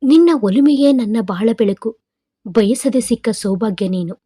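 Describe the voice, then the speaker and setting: A gentle young woman answering her beloved in quiet verse, as a woman storyteller voices her. Her voice drops a little lower and stays soft and mellow in this audio story. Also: unhurried, husky, dry recording, clean studio sound. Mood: tender. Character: young woman accepting a proposal, gentle and moved.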